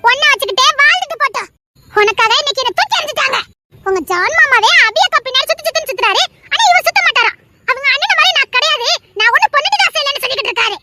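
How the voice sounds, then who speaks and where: Woman doing an angry high-pitched scolding wife, super bright sharp voice. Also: animated, fast, no room sound, faint music behind, exaggerated voice. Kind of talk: dubbed serial drama with one voice doing many roles.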